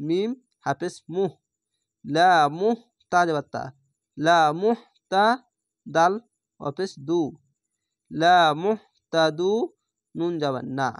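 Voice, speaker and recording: A man's voice: on the high side, dry recording, studio quality. A man teaching Quran reading, spelling out each letter and vowel, then drawing out the recited words.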